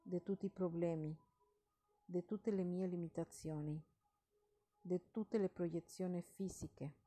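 A woman leading a guided meditation with recited affirmations in a soft, breathy voice, pausing between short phrases. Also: on the low side.

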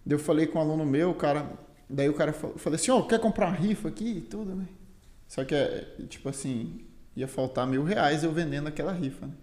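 A man's voice: fairly high pitch, quick pace, darkish tone. Slangy Brazilian man, roomy echo. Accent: Brazilian Portuguese. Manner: slangy, peppered with "cara" and "né". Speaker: guest, Muay Thai fighter and teacher. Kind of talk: casual storytelling chat. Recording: roomy, echoey sound.

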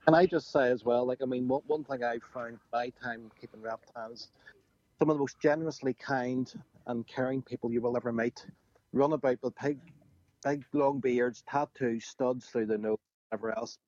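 A husky-voiced man talks casually and jokily, like one of the lads on a podcast. His pitch is ordinary for a man. The sound is dry and slightly dull, like an online call. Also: fairly even intonation, moderate pace, a little mellow, dry recording. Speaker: guest reptile keeper.

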